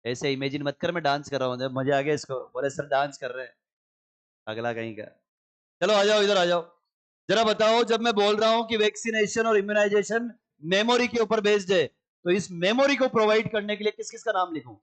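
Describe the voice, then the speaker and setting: Lively man teaching biology. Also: sits high, brisk. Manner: lively, teasing, acts out cells in skits. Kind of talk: classroom lecture.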